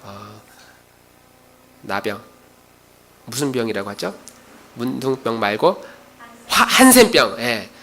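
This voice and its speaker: A man's voice: mid-range voice, big pitch swings, takes it slowly, long pauses, fairly bright tone. A middle-aged male pastor preaching a sermon, acting out quarrels in his own voice.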